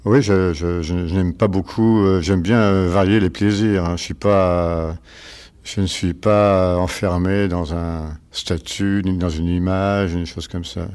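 An older man, a stage actor, answering interview questions in a rambling, halting way with many restarts. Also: sits low, fairly even intonation, darkish tone, clear, resonant tone.

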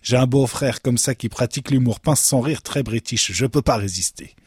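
A man's voice: medium pitch, normal speed, husky, no echo, clean studio sound, voice pushed up, close to an everyday voice. A man voicing a jovial prison mail clerk who is amused and helps out. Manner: amused, helpful.

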